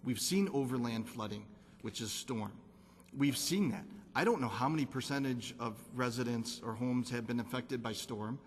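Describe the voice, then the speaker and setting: A man's voice: mid-range voice, moderate pace, slightly rough. A man serving as a city council alderman, giving an earnest, repetitive speech at a council meeting and insisting on data. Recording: council chamber with long reverb.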